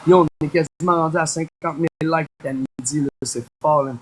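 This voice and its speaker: A man's voice: on the high side, fairly even intonation, fairly quick. A man with a Québécois accent hosting a casual live stream outdoors, chatting with viewers and thanking them by name. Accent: Québécois French. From Quebec. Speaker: livestream host. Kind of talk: casual livestream chat to viewers. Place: outdoors across from a busy boulevard. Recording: faint street noise behind.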